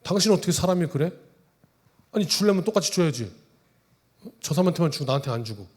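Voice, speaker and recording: A man's voice: a little high, animated, quick pace, darkish tone, slightly rough, long reverb tail, pitched above the performer's own voice. A man voicing an indignant middle-aged male shopkeeper who complains and demands fair treatment.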